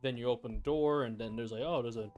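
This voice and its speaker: A man's voice: mid-range voice, quick pace, muffled recording, over music. Joking young streamer man. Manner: playful, self-mocking banter. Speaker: streamer and gameplay host. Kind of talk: casual gameplay chat.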